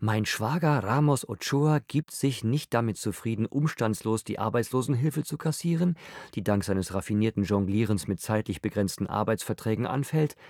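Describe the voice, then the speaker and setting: Low-voiced male audiobook narrator. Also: moderate pace, darkish tone, no room sound, studio quality. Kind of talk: scripted narration.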